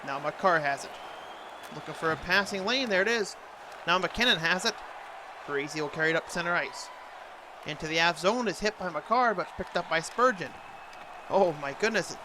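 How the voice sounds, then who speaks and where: High-voiced man calling hockey play-by-play. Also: expressive, moderate pace, crowd noise, noisy background. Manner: narrates each play in short clipped phrases. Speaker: amateur play-by-play commentator. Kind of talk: video game hockey commentary, announcer impression.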